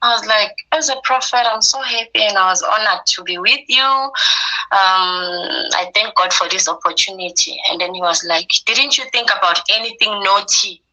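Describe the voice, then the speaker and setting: A woman's voice: medium pitch, moderate pace, bright, forceful tone, poor audio. A young woman telling a personal story in conversation, acting out the dialogue she quotes as she goes. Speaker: interviewee recounting her experience.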